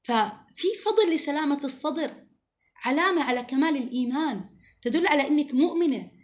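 A woman's voice: high voice, expressive, a little fast. A woman giving an earnest, emphatic religious lesson to women, often quoting scripture. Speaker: religious teacher.

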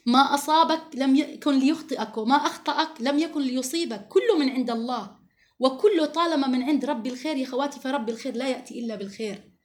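A woman teaches a religious lesson to a group of women. Her high voice moves along quickly, and she speaks with earnest emphasis, often quoting scripture.

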